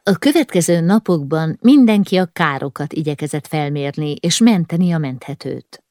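A woman reads an audiobook in a measured, even way. Her voice sits low, and the recording is dry and close, with no room sound around it. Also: no echo. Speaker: audiobook narrator. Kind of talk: scripted narration.

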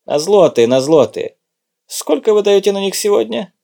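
A man reading an audiobook, voicing a brisk, curt undercover agent. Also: high voice, very animated, vocal fry, mellow, pitched above the performer's own voice, heavily acted. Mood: bantering. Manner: brisk, clipped, occasionally snappish. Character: cool, curt male undercover agent in his prime.

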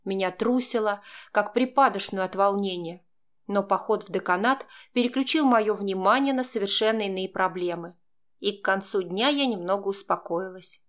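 A woman's voice: mid-range voice, moderate pace, a bit bright. A woman narrating an audiobook in the first person, with a tense, confessional delivery.

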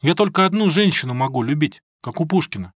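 A man's voice: on the high side, lively intonation, quick pace, fairly bright tone, dry recording, clean studio sound. A man reading an audiobook, voicing an earnest, naive young man who sounds puzzled.

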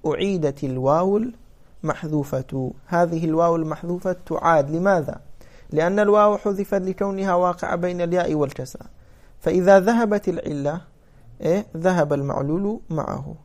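A man lecturing on grammar with a somewhat high voice. He explains step by step and stops often to ask whether the class follows. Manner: explains step by step, checks understanding with questions. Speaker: teacher of Arabic morphology.

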